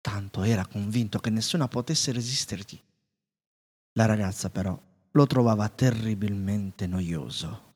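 A man narrating a storybook in a calm, measured way. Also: fairly low pitch, husky. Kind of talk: storybook reading. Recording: reverberant room.

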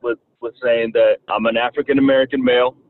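A man in his thirties from Rwanda with a slight Southern twang, talking haltingly as an interview guest and often repeating words. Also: medium pitch, flat delivery. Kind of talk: casual interview talk. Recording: tinny phone-like line, faint noise.

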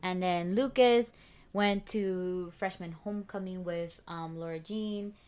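A woman's voice: on the low side, steady tone, measured pace, a little mellow, smooth. A young woman co-hosting a podcast, chatting casually about a book and its film, with lots of fillers and restarts. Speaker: podcast co-host.

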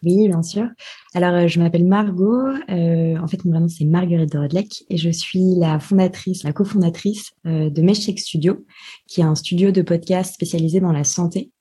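Husky, low-voiced woman explaining slowly. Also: fairly even intonation, mellow. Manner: explains with many hesitations. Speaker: podcast guest, digital marketer. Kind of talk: podcast interview.

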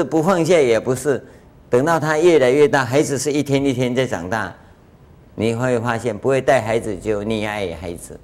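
An older man gives a Buddhist dharma lecture in a conversational way, full of rhetorical questions and drawn-out filler sounds. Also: medium pitch, darkish tone. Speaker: Buddhist master giving a lecture.

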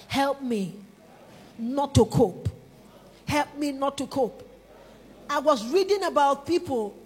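High-voiced woman preaching in a hall. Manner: emphatic, calls the congregation to respond aloud. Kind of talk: sermon. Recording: long reverb of a large hall.

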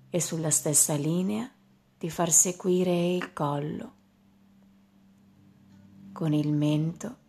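A woman leading a guided meditation in a slow, soft voice that often drops into a whisper. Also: deep voice, creaky.

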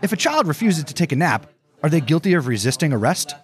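A man's voice: fairly high pitch, big pitch swings, quick pace, slightly rough. A man telling one-liner dad jokes as the host, setting each one up and then delivering the punchline.

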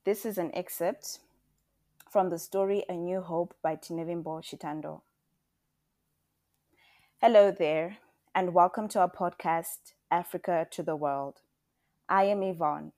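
Woman, podcast co-host, heartfelt, emphatic, lowish voice, dry close recording. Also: steady tone, a little slow, long pauses, a little mellow, no echo. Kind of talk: story reading and casual discussion.

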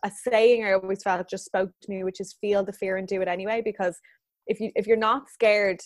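A businesswoman in her thirties answers interview questions in a chatty, earnest way and laughs often. Her medium-pitched voice is steady and brisk, and the dry recording is studio quality.

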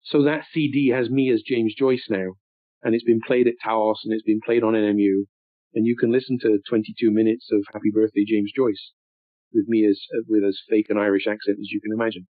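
An older man reminiscing in a rambling, thoughtful way, with many pauses and restarts. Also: fairly low pitch, level tone, no echo. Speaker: interviewee. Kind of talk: reflective storytelling. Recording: tinny phone-like audio.

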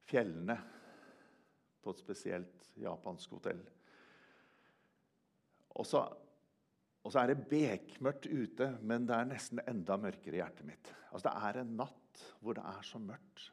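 An older man preaching a sermon in a church, earnest, swinging from loud emphasis to hushed quiet. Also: on the low side, vocal fry, husky. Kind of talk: sermon with personal testimony.

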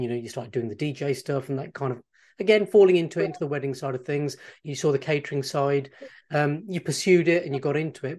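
An interviewer asking follow-up questions in a relaxed, encouraging way. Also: medium pitch. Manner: encouraging, frequent backchannels.

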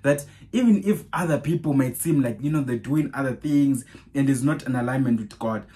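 A man's voice: mid-range voice, brisk. Man preaching, fired-up and repetitive. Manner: rhetorical questions, keeps saying "guys" and "right?"; animated, raises voice on Bible quotes. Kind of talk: podcast sermon.

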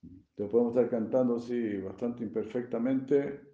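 A man, a swami, giving a sermon-style scripture class, explaining gently with frequent tag questions and chuckling at his own jokes. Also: medium pitch, steady tone, moderate pace. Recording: echoey room, dull lo-fi sound.

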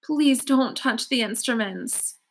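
A woman's voice: a little high, steady tone, fairly quick, a bit bright, lightly acted. A woman reading aloud, voicing a frightened teenage boy who pleads in a quavering voice. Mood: pleading. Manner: quavering, whimpering.

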